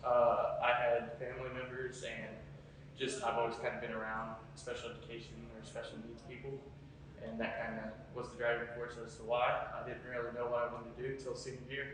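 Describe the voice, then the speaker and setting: A young man speaks casually as a student interviewee, at a medium pitch. The recording is very echoey and distant from the mic, with faint noise behind him. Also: monotone, fairly quick. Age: young adult. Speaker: college student being interviewed.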